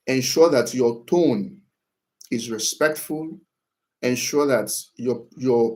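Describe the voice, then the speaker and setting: A man's voice: mid-range voice, a little mellow. A man talking through how to disagree respectfully in a casual advice talk, often checking in with "right?" and acting out example phrases. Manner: acts out example phrases in a livelier tone. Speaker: speaker on workplace communication.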